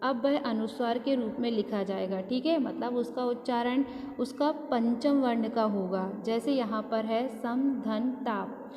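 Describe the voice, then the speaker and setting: Echoey woman teacher, slow and questioning. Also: on the high side, darkish tone. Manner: asks questions and answers them herself; drawn-out syllables when spelling words. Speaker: school teacher. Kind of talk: Hindi grammar lesson. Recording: echoey room with long reverb, faint noise.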